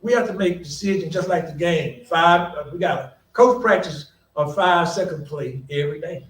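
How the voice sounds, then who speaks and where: An older man, a college coach telling folksy, animated stories on a conference panel. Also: on the high side, moderate pace. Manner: folksy, animated anecdotes with quoted voices and laughter. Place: conference hall. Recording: echoey hall from a distance, faint background hum.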